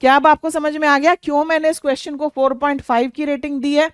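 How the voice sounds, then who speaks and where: High-voiced Indian woman teaching English. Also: level tone, quick pace, no echo, clean studio sound. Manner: explains word meanings, spells words out letter by letter. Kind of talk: exam-prep lesson.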